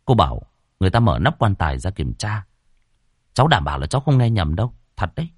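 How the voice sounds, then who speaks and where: A man's voice: low voice, very animated, fast, breathy edge, no room sound, studio quality, full character voice. A man voicing a nervous teenage boy who pleads and stammers to be believed. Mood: pleading, insistent.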